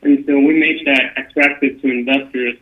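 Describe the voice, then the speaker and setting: A man from Honduras introducing himself at a council meeting, earnest and a little hurried with fillers. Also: medium pitch, steady tone. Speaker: economic development director. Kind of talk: formal self-introduction. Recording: tinny phone-like sound.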